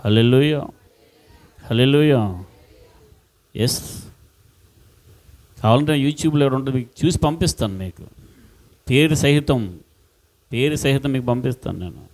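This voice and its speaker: A man preaching a sermon as pastor, impassioned and repetitive, swinging between loud outbursts and hushed words. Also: medium pitch, unhurried, pauses often.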